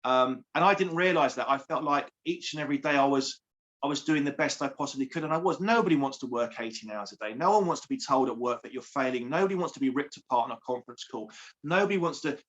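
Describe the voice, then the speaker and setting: A man's voice: mid-range voice, animated, fast, a bit bright, dull audio. A man, a coach speaking earnestly as an interview guest, repeating phrases for emphasis. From England. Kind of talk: heartfelt interview.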